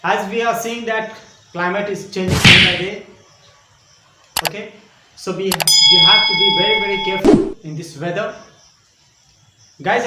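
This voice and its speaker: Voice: mid-range voice, pushed and bright, roomy sound, low-quality recording. An online teacher with an Indian English accent, giving a patient, repetitive grammar lesson for young children. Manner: repetitive, patient, explaining with questions.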